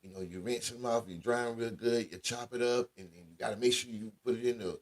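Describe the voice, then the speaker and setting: A man's voice: medium pitch, fast, pitched above the performer's own voice, close to an everyday voice. A man imitating his affectionate old grandmother as she rambles through a recipe. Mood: folksy. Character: kindly old grandmother giving vague cooking tips.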